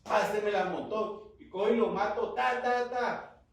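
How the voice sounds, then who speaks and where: A high-voiced man with a Colombian Spanish accent delivers a fervent sermon, pushing his points and drawing answers from the congregation. His voice rings through a big, echoey hall, picked up from well back off the mic. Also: steady tone, measured pace, far from the mic. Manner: preaching with rising fervor and call-and-response. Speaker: pastor.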